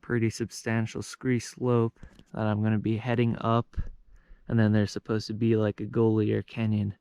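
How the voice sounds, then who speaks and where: A man's voice: fairly low pitch, completely flat delivery, normal speed, gravelly, dark tone, smooth, no echo. Chatty young man narrating outdoors. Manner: chatty, explains what he finds as he goes. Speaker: outdoor explorer and vlogger. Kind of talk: casual narration to camera while hiking. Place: outdoors on a remote mountain slope.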